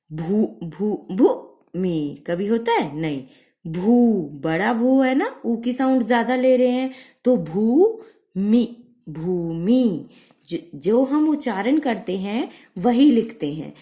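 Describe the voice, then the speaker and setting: Slow-talking woman teacher in an echoey room. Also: medium pitch, warm tone. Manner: patient, explains and repeats words slowly. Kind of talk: school grammar lesson for children.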